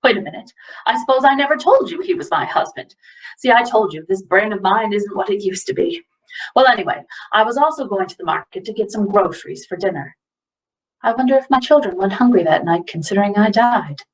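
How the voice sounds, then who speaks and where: A woman's voice: medium pitch, animated, brisk, natural voice. Actress as a scatterbrained 19th-century mother's ghost, rambling, mic a bit far off. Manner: rambling, scatterbrained, loses her train of thought. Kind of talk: first-person historical monologue.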